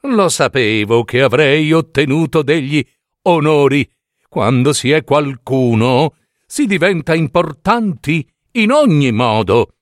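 A haughty little darning needle speaks in a high, fussy voice full of self-importance, as a male narrator puts it on. Its pitch leaps around as it frets about being too thin. The sound is dry and close. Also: lively intonation, slow pace, no echo. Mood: vain, fussy. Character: vain fragile darning needle, thin and proud.

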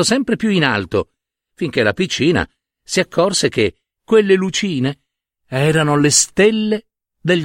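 A man's voice: fairly high pitch, no echo, clean studio sound. A man narrating a fairy tale in a dramatic, lingering way, stretching and emphasizing words. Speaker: storyteller and podcast host. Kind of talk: expressive storybook narration.

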